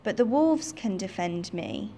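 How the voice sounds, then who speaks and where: A woman's voice: medium pitch, animated, a little slow, mellow, a little hiss or hum. A woman voicing a brave young boy raised by wolves, speaking in earnest, simple phrases. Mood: protesting.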